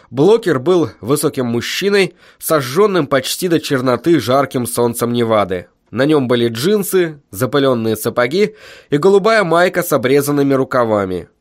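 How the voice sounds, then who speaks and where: A man narrating an audiobook in a steady, measured storytelling manner. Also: medium pitch, dry recording, clean studio sound. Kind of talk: audiobook reading.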